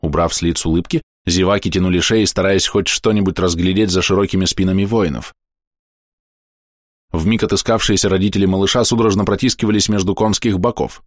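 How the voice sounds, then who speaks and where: A man reading a fantasy novel aloud as an audiobook narrator, measured and expressive, slowing down for dramatic moments. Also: low-pitched, no room sound, studio quality. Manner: measured, expressive storytelling with slowed dramatic pauses.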